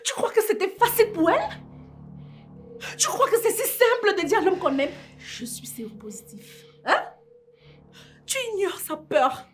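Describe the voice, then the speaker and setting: High lively voice, sobbing young woman pleading, cameroonian french accent, faint music under. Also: normal speed, pauses often. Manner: tearful, pleading, breaking into sobs. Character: distraught young woman pleading, tearful and defensive. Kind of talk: emotional web-series drama acting.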